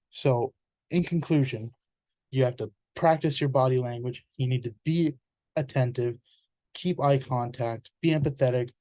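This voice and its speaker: Young man presenting, earnest and persuasive, mellow voice, dry close sound. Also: medium pitch, no room sound. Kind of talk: class presentation.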